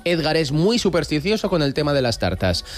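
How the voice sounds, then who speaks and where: A man's voice: a little high, very animated, fairly quick, faint music behind. A man from the Basque Country hosting a talk show, playful and chatty as he leads the topics. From Basque Country, Spain. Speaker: host. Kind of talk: casual chat.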